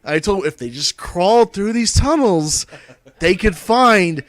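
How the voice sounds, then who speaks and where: A man's voice: high voice, animated, measured pace, a bit bright. An American man telling a casual, rambling story to friends while drunk, swearing and repeating himself as he goes. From Indiana, United States.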